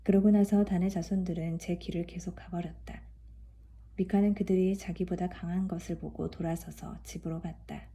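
A woman reading scripture aloud in a calm, even way. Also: on the low side, normal speed. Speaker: scripture reader.

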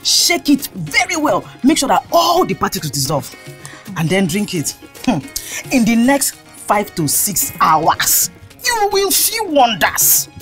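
An actress with a Nigerian accent playing a smooth-talking, confident potion seller in a comedy skit. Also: female voice, fairly high pitch, wildly swooping pitch, measured pace, fairly bright tone, soft background music, full character voice. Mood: confident pitch. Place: outdoors by a painted wall.

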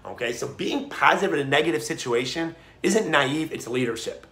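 Energetic man with an echoey sound. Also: brisk. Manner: energetic, emphatic, swings pitch widely for emphasis. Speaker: motivational speaker. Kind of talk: motivational talk.

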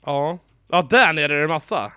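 A man co-hosting a casual Let's Play, excitable and quick to laugh and shout. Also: a little high. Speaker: gaming channel co-host.

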